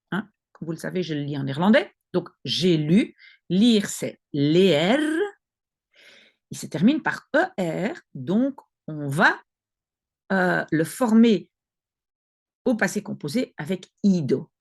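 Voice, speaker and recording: Middle-aged female teacher, patient and explanatory, very animated intonation. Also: fairly low pitch. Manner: patient explaining, frequent checks like "hein" and "d'accord". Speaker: language teacher. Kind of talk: online language lesson.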